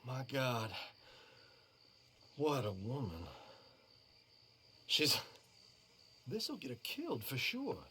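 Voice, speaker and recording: A man's voice: medium pitch, wildly swooping pitch, pushed and bright, a little hiss or hum, heavily acted. An actor playing a nervous, earnest young man in a video game, talking in an anxious, pleading way. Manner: anxious, pleading, fast when worked up. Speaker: game character. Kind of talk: video game cutscene acting.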